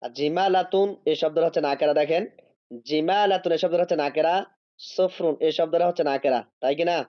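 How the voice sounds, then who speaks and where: A man with a fairly high voice teaches an online Arabic grammar class. He explains patiently, reading each Arabic word slowly and checking that students understand. The recording is dry and somewhat dull, like lo-fi class audio. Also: no room sound. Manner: drawn-out reading of Arabic words.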